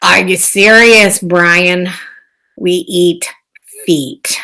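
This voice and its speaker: A woman's voice: lowish voice, fairly even intonation, drawn-out words, bright, forceful tone, heavily acted, poor audio. A woman reading aloud and voicing a group of grumpy piranhas who insist on what they eat. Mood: exasperated. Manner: exasperated, insistent.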